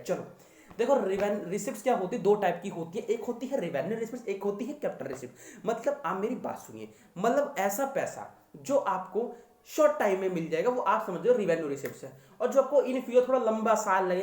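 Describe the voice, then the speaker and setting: A man's voice: high voice, reverberant. A young man teaching economics to exam students in a chatty, teasing lecture style. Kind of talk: casual Hindi lecture.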